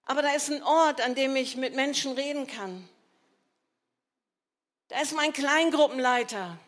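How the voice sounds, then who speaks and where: A woman delivers a sermon in a high, bright voice at an unhurried pace. She speaks earnestly and emphatically, mixing scripture with conversational asides to the congregation. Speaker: preacher.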